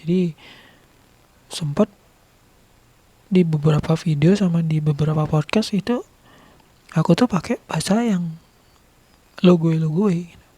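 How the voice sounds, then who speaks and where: A man from Bali with a Balinese accent, chatting casually to his viewers, laughing often and sometimes dropping into a soft whisper. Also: on the high side, measured pace, long pauses, husky, dry recording. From Bali, Indonesia. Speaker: vlogger.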